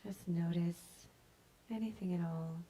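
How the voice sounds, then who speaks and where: A woman yoga teacher guiding a class with slow, soft-spoken calm cues that sometimes drop to a breathy near-whisper. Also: fairly low pitch. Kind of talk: guided yoga instruction.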